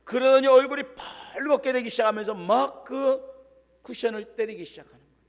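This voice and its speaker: A male pastor tells a sermon story with a high, bright-sounding voice. He tells it dramatically and sinks to a hush when quoting someone. His words ring out with a long echo through a church sanctuary. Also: fairly quick. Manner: dramatic storyteller, drops to hushed voice for quoted lines. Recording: long church-hall reverb.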